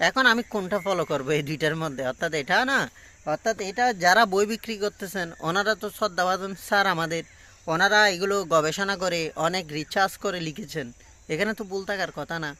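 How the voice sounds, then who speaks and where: A man giving a casual pronunciation lesson on a phone front camera, talking slowly and repeating each word with many fillers. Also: high-pitched, sharp tone. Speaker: English pronunciation teacher. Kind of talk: casual self-recorded lesson.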